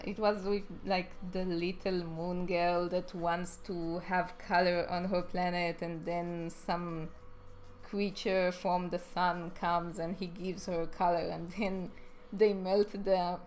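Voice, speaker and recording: A young adult woman animator narrates a speed draw video in casual, rambling voice-over, chatty and self-deprecating, saying her R's as W's, with music behind her. Her voice is on the low side and darkish, level in tone and unhurried. The audio is poor, with a little hiss or hum.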